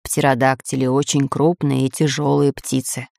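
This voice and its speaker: A woman voicing a calm, learned older male professor who explains things in a slow, lecturing way. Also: extremely low pitch, vocal fry, dry recording, studio quality, pitched below the performer's own voice.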